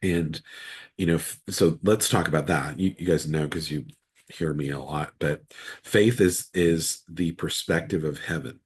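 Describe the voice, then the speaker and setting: A pastor leads an online midweek Bible study from his computer, reading a scripture passage and then teaching from it in a casual, conversational way, often circling back to restart a thought. Hoarse from a cold, he has a very deep, raspy, husky voice and speaks a little slowly.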